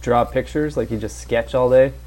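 A young man telling stories casually among friends, with crude, profane, animated delivery. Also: mid-range voice, moderate pace. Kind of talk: casual storytelling chat with friends.

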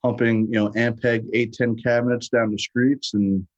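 A man's voice: medium pitch, level tone, normal speed, no echo, lo-fi sound. A middle-aged man with a New York accent, chatting casually as an interview guest in a streetwise, sweary way. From New York, Brooklyn family, raised on Long Island. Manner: profane, streetwise, peppered with "you know" and "man". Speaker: guest, metal musician.

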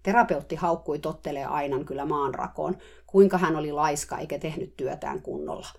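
A woman narrating a diary-style story with wry, matter-of-fact remarks. Her voice sits low and carries a gravelly fry. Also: lively intonation, a little mellow.

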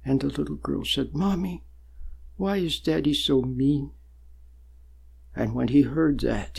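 A man giving a sermon-like spiritual talk, slow and deliberate, with long pauses and sudden emphatic rises. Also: mid-range voice, gravelly, darkish tone, husky. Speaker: spiritual teacher.

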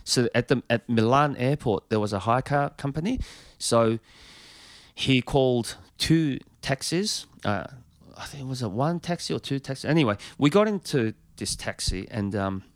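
A man's voice: medium pitch, animated, moderate pace, no echo, clean studio sound. A touring musician, a man, telling a long anecdote with a rambling manner full of fillers and restarts.

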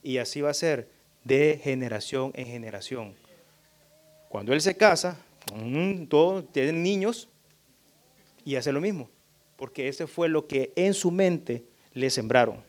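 A middle-aged man giving an emphatic, sermon-style talk on parenting, addressing the audience directly and jumping into high voices when he imitates children. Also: unhurried. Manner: animated, jumps up high when voicing children. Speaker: church speaker on parenting.

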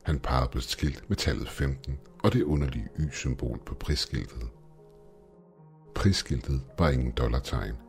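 A man narrating a scripted horror story in a measured, dramatic way. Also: rumbling low, a little mellow. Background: faint music.

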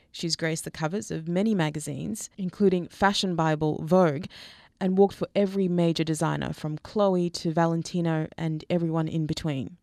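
A woman hosting a podcast, reading a measured scripted introduction. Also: on the low side, a little mellow, dry recording, clean studio sound. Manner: measured, read-aloud introduction. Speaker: podcast host. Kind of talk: scripted narration.

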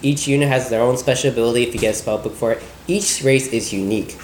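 Very low-voiced woman explaining board game rules. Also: fast talker. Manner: explains rules plainly, relaxed and chatty. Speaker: board game show co-host. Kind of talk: casual board game review chat. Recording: roomy echo, faint noise.

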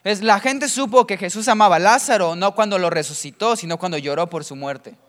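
A man preaches, chatty and casual. He keeps checking in with the listener, and his voice sits high for a man. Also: a little fast, fairly bright tone. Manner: chatty, keeps asking ¿verdad?. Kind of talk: sermon with humorous anecdotes.

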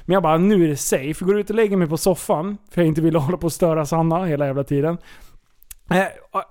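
A man hosting a casual podcast chat, telling an animated story, swearing often and laughing as he talks. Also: on the high side. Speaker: podcast host.

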